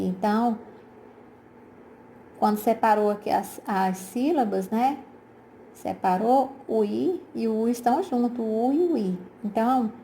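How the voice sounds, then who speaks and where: A woman's voice: mid-range voice, warm tone, slight background noise. A Brazilian woman teacher explaining a grammar exercise to her pupils in a recorded lesson, patient and repetitive, often checking in with her class and using fond diminutives. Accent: Brazilian Portuguese. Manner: addresses pupils as "gente", uses diminutives.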